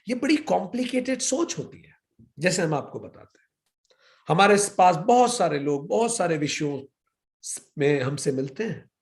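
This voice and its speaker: With a high, slightly mellow voice, the man teaches yoga philosophy in a spiritual lecture. He answers the rhetorical questions he fires off and blends English words into his Hindi speech.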